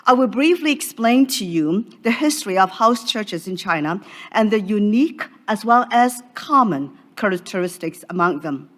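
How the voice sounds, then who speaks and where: A woman from Hong Kong presenting an academic paper at a conference in a measured, formal way. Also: medium pitch. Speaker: conference speaker. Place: conference session room.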